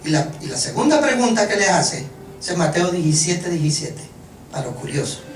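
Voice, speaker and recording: A preacher giving a joking, animated sermon, often stumbling over repeated words. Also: mid-range voice, background noise. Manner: animated, joking, halting restarts. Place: church hall. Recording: echoey room from far off, music behind.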